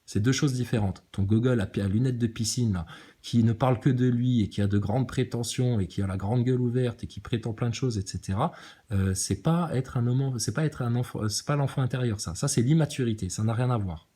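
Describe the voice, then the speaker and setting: Sarcastic swearing man, dark husky voice. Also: mid-range voice, a little fast. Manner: sarcastic, swears a lot, mocking; laughs between remarks. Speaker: livestreamer reading viewer comments. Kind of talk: casual ranting live commentary.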